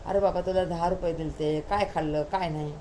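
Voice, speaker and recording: A loving mother waiting anxiously for her child, as a storyteller woman puts her on. Her voice is low and mellow, soft with worry and tenderness, with a faint hum behind. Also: fairly even intonation, a little fast, close to an everyday voice. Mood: tender. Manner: worried and tender.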